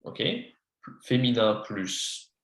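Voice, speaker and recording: In an echoey room, a man speaks very slowly in a fairly low, steady voice. He's patiently teaching beginner French one-on-one, spelling out words letter by letter, dropping into English for explanations, and repeating things often.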